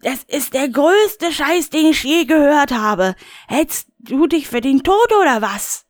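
In a studio-quality recording with an echoey room and long reverb, a man uses an exaggerated voice with lively intonation and a slow pace. He plays a furious, paranoid, foul-mouthed man in his thirties, ranting shrilly and swearing in anger.

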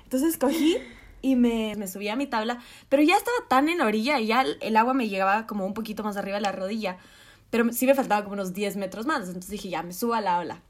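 A woman, co-hosting a podcast and telling a story in a lively, laughing way with slang and quoted asides. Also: medium pitch, fast. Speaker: podcast co-host. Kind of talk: casual storytelling chat.

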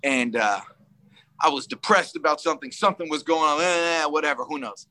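Middle-aged man, candid guest, rambling storyteller, bright tone, dry close mic. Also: on the high side, a little fast, dry recording. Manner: emotional, rambling, laughs often. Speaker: podcast guest.

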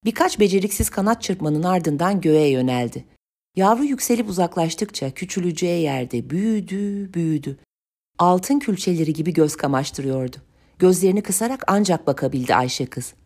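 Low-voiced woman reading a story. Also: animated, moderate pace, a little mellow. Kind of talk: storybook narration.

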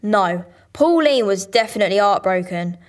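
An actress playing a sulky, sharp-tongued teenage girl solving a crime, sarcastic and offhand. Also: mid-range voice, animated, normal speed, close to an everyday voice. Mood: reasoning. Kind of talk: radio drama acting.

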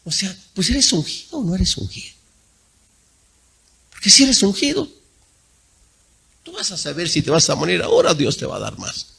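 A male pastor preaching a sermon in a husky, slightly high voice. His delivery is animated, with pitch that leaps around widely. He moves from loud emphatic peaks to low, quiet asides. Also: normal speed, pauses often.

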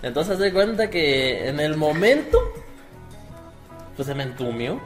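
A man's voice: on the high side, lively intonation, a little slow, soft background music. A man with a Mexican accent, telling a story in a casual podcast chat with many fillers and restarts. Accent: Mexican Spanish. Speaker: podcast guest.

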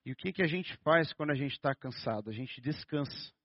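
A man with a Brazilian Portuguese accent preaching a sermon in a conversational way, with joking asides and a slow, stressed reading of scripture. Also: a little high, lively intonation, no echo. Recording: dull, dry lo-fi sound.

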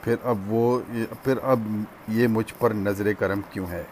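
A proud young woman with calm dignity, read by a man, spoken in a lowish voice, faint noise behind, storybook reading. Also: a little slow, natural voice. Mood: dignified. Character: stern proud young woman refusing a marriage.

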